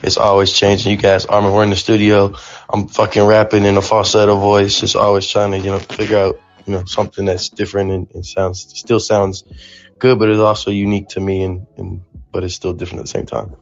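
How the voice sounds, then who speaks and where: Gravelly low-voiced young man, laid-back. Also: flat delivery, fairly quick. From North Carolina. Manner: laid-back, short answers, slangy. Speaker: guest rapper. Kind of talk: casual interview chat. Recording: lo-fi live stream audio with faint music.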